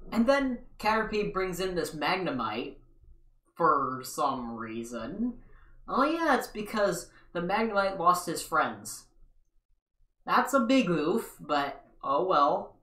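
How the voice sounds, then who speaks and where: A young man slumped in an armchair in a small living room gives a rambling, casual recap commentary for a video, tossing in sarcastic asides. His voice sits on the high side with a sharp tone. The room is echoey and the mic is far off.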